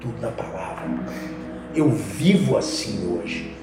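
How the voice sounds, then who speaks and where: A man's voice: fairly low pitch, very animated, slow. Man, podcast guest, slangy, fervent emphasis, very echoey, music behind. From Minas Gerais, Brazil. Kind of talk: casual personal testimony. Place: podcast studio. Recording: very echoey room with background music.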